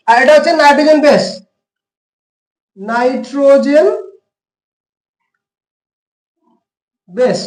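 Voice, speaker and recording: A woman teaching a science lesson with a West Bengal Bengali accent and a high voice. She works through each step and asks the class questions she then answers herself. The room around her is echoey.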